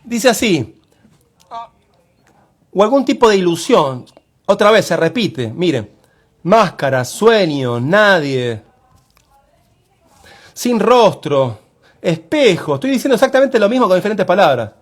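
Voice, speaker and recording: A male poetry teacher with a high voice that swings widely up and down as he talks. He explains a poem step by step and keeps asking his listeners to notice each detail. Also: sing-song, a little slow, long pauses. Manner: explains step by step, often calling on listeners to look closely.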